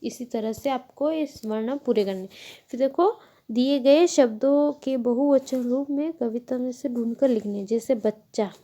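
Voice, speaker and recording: A woman teacher slowly walking children through a lesson, explaining each step patiently and correcting herself as she goes. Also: a little high, mellow. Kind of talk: Hindi grammar lesson.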